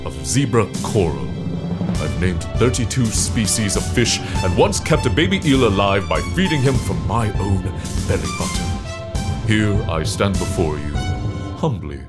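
A man's voice: fairly low pitch, lively intonation, measured pace, over loud music. A man playing a pompous, grandiose old-time sailor in a comedic audio drama, speaking in theatrical proclamations.

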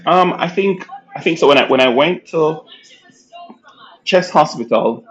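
A man's voice: a little high, unhurried. Jamaican accent guy chatting on a podcast, laughs a lot, keeps restarting his sentences, kinda muffled sound. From born in Nigeria, raised in Jamaica. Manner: animated storyteller who laughs often and restarts phrases. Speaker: guest physician. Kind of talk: casual interview chat.

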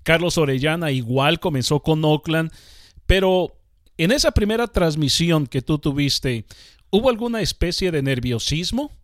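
A man's voice: on the high side, lively intonation, moderate pace, no room sound, studio quality. Male broadcaster asking friendly questions. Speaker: sports broadcaster interviewer. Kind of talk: interview.

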